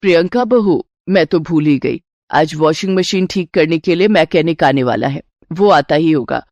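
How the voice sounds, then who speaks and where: Woman doing a calm, low-voiced mother-in-law. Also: normal speed, no room sound, dull audio. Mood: reassuring. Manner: calm, motherly, matter-of-fact. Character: resourceful middle-aged mother-in-law, calm and reassuring. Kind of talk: storybook character voice.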